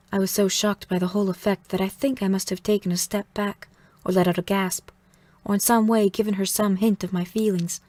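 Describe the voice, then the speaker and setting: A woman reading a novel aloud in measured, vivid first-person narration. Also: mid-range voice, a little mellow, no echo. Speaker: audiobook narrator.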